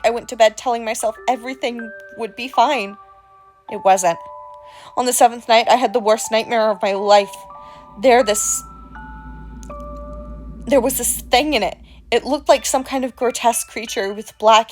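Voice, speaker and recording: A woman's voice: on the high side, natural voice. Woman playing an eerie female trinket collector, theatrical affected accent, savoring a first-person horror tale over faint music. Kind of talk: dramatic first-person horror story reading.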